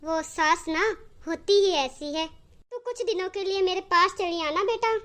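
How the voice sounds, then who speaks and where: A woman voicing a weary, gentle old mother. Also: very high voice, unhurried.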